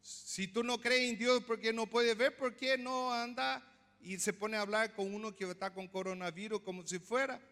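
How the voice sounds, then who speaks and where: A man's voice: high-pitched, fairly even intonation, normal speed, bright, forceful tone. A man pastor preaching a sermon, teaching step by step and asking the congregation questions. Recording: long hall reverb.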